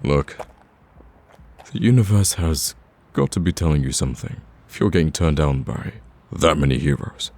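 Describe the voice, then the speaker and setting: A man playing a smug, flirtatious villain in an ASMR roleplay, teasing the listener in a casual, drawling, gravelly voice. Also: expressive, normal speed, darkish tone, slight background noise. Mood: hopeful flirting. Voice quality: deep, gravelly.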